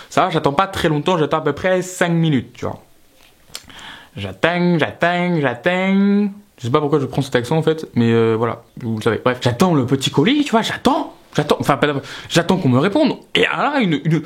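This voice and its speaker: A man with a fairly high voice tells a personal story in a relaxed, chatty way. His voice jumps up and down as he acts out his reactions, and he keeps speaking straight to his viewers. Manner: animated, swinging pitch, talks straight to viewers. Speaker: vlogger telling a story. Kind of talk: casual story time.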